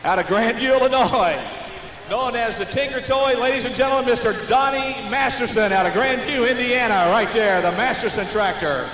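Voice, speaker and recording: An American man working as a tractor pull announcer, introducing competitors live with showy, drawn-out names. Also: very high-pitched, fairly bright tone. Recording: noisy, echoing arena PA with long reverb.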